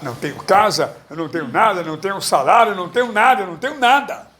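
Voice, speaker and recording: A middle-aged pastor from Brazil preaches to a class in a blunt, slangy manner. His high voice swings widely as he pushes each point with emphasis. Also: animated, quick pace, pushed and bright. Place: school classroom.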